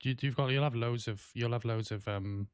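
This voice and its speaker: A man in his thirties from England, whose English accent carries a Welsh twang, chats casually on a game stream and reads chat aloud, coughing and clearing his throat now and then. His medium-pitched voice moves at a moderate pace, rambling with plenty of fillers and restarts. There's no room sound.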